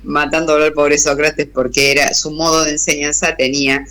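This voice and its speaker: Bright-voiced Argentine woman explaining on radio. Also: low voice, level tone, moderate pace. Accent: Argentine Spanish. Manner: thoughtful, frequent hesitations and restarts. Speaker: radio guest speaker. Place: radio studio.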